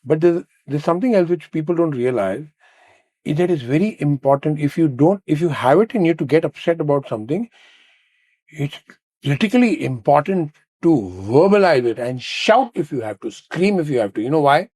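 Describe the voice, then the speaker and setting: A man's voice: fairly high pitch, animated, moderate pace, darkish tone, no echo. A man hosting a conversation, explaining ideas earnestly with rhetorical questions. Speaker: podcast host.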